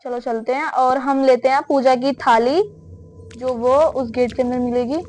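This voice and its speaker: A young woman hosts a horror game let's-play for her gaming channel, chatting casually with viewers and firing a steady stream of questions at a helper beside her. Her high voice is steady, unhurried, and a little mellow.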